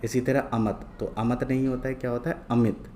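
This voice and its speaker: A man teaching a lesson from worksheets, reading each word twice, slowly and clearly, and asking questions he then answers himself. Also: medium pitch, level tone, mellow, a little hiss or hum. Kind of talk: slow, patient lesson going through worksheets.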